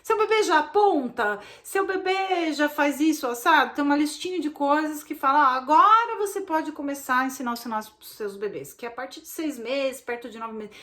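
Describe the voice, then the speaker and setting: A chatty Brazilian woman with a high voice walks her students through a casual recorded lesson. She keeps checking in with quick tag questions as she explains. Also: a bit bright. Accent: Brazilian Portuguese. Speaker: baby sign language course instructor.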